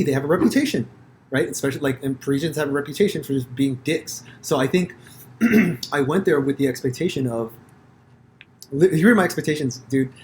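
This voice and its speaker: A man from the United States hosting a podcast, telling stories in a rambling, profane, animated way with many restarts. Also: medium pitch, a little hiss or hum. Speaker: podcast host. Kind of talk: casual conversation.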